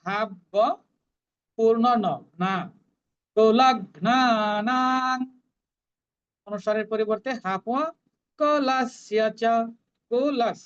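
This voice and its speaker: A woman teaching Sanskrit verse recitation, chanting each line slowly and then explaining the pronunciation in quick, plain speech. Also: a little high, clean tone, dull audio. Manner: slow drawn-out chanting alternating with quick explanations.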